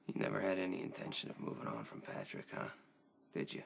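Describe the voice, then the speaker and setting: Gravelly, fed-up man, blunt and accusing. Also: very deep voice, very animated, fast, a little hiss or hum, heavily acted. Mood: bitter, cold. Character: fed-up, betrayed tough man confronting a woman. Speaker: actor in a TV soap opera. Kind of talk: soap opera dramatic acting.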